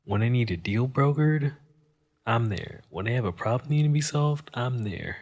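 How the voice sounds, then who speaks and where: A man voices a Martian criminal fixer, cynical and full of wisecracks, for an audio drama monologue. His mid-range voice is expressive and a little mellow, the tone sly and boastful, with wry, world-weary phrasing and pauses placed deliberately.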